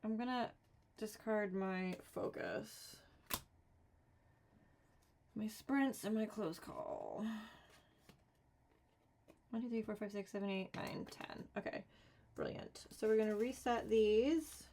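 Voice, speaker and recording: A woman's voice: medium pitch, takes it slowly, pauses often, dark tone, a little hiss or hum. A woman streaming a solo board game, casually thinking aloud, counting cards and talking herself through the rules with mildly exasperated asides.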